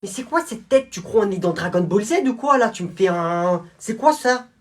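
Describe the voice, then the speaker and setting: A man's voice: high voice, animated, normal speed. Man acting out school and prison sketches. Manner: switches between teacher, guard and teenage voices. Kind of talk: comedy sketches, playing several roles.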